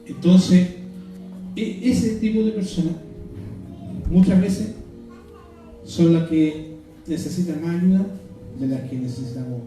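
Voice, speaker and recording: A man preaches in a high yet very dark, mellow voice, pausing and restarting as he reads and explains scripture. He is picked up from far off in a very echoey church hall. Soft music plays faintly behind him. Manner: earnest, halting, with many restarts. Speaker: evangelist preacher. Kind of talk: sermon with scripture reading.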